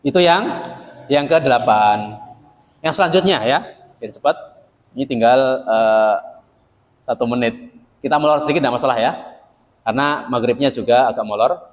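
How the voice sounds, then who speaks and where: A man's voice: mid-range voice, moderate pace, pauses often. Folksy preacher man, hall reverb. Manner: folksy and joking, addresses the audience directly. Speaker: Islamic preacher. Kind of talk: sermon to a local congregation.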